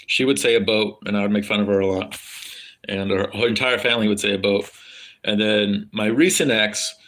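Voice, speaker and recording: This is loose, rambling chat between a standard-American-accented man and his live stream audience, full of swearing and filler words. He speaks briskly in a lowish, slightly bright voice with a steady tone, and the audio quality is poor.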